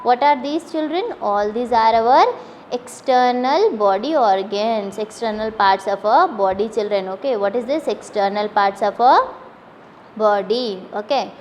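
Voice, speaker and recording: Woman teacher, slow and high-pitched, quizzing children as she spells words aloud. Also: a little mellow. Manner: mixes Hindi and English, asks children questions. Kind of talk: online class lesson. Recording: echoey room with faint noise.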